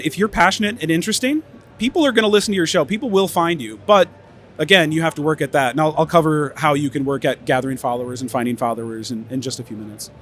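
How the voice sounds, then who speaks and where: On an expo stage at an audio trade show, a man gives a casual, conference-style presentation, full of fillers and restarts. His voice sits on the high side and is a bit bright, sounding somewhat worn from many interviews. There's slight background noise.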